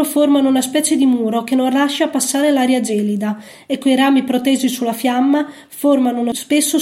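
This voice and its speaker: A woman with a high voice reads a story aloud, gentle and unhurried. Her tone is mellow and soft rather than bright. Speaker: narrator. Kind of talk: storybook reading.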